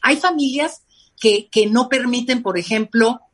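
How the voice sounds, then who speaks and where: A woman with a Mexican accent, a guest expert talking about family life in an animated, expressive way. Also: on the high side, measured pace. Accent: Mexican Spanish. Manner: animated, acts out quoted parents in lively voices. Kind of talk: conversational interview.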